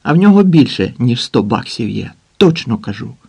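A man's voice: medium pitch, sing-song, moderate pace, vocal fry, dark tone, husky, heavily acted. A man voicing a pot-bellied, scheming middle-aged man in an audiobook, grumbling and wheedling.

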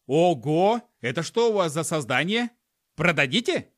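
Sly jovial pirate-like zoo owner, lively pitch, bright and loud, as a man puts him on. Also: fairly quick. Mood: eager.

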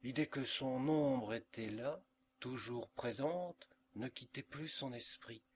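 A man reading a literary story aloud as an audiobook narrator, in a measured, expressive way. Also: mid-range voice, slight background noise. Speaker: audiobook reader. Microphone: home recording for an audiobook.

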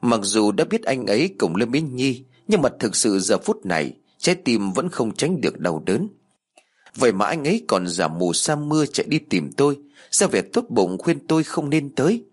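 A man narrating a serialized audiobook in a steady storytelling manner. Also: mid-range voice, normal speed, slightly rough.

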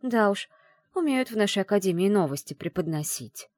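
A woman's voice: mid-range voice, animated, normal speed, darkish tone, dry recording, studio quality, pitched above the performer's own voice, lightly acted. A woman reading the part of a snappy, indignant young witch heroine in an audiobook. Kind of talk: audiobook character voice.

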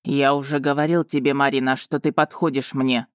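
A woman's voice: level tone, a little fast, no echo, studio quality. A woman putting on a proud growling dragon suitor. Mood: cold. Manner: lowered, firm, growling.

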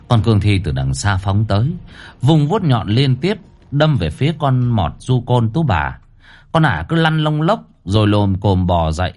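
Animated male storyteller. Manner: animated, swinging pitch for drama. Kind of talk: dramatic horror story narration.

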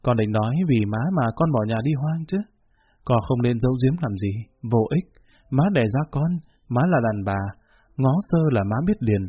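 A man voicing a cold, blunt middle-aged mother who speaks in a flat, unbending tone, in a dull lo-fi recording. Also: mid-range voice, moderate pace, slightly rough. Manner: flat, level, unbending delivery.

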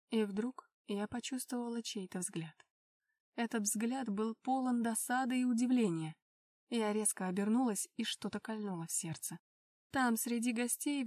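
A woman reading a first-person audiobook in an even, expressive manner. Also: on the high side, no echo, distant mic. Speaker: narrator. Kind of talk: audiobook narration.

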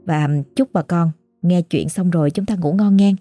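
A woman's voice: lowish voice, moderate pace, mellow, no echo, soft background music. A woman with a Southern Vietnamese accent, hosting and retelling a listener's ghost story in a chatty, exclamatory way. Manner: chatty and exclamatory, with frequent fillers. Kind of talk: casual spoken storytelling.

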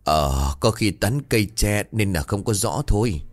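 A man's voice: normal speed, no echo. A man voicing a stubborn older boatman husband who speaks firmly and brushes off his wife's fears. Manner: firm, dismissive, low and steady.

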